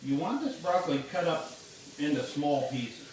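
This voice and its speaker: A man's voice: on the high side, moderate pace, darkish tone, a little hiss or hum. A man hosting a casual cooking demonstration, folksy and easygoing, with homespun phrases. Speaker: cooking show host. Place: home kitchen. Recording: echoey kitchen, mic far off.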